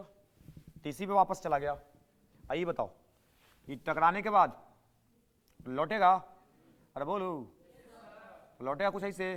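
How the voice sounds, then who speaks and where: Male physics teacher, high pitch, classroom lecture, keeps pushing students to answer. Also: fairly bright tone. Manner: prodding students to answer, repeating points.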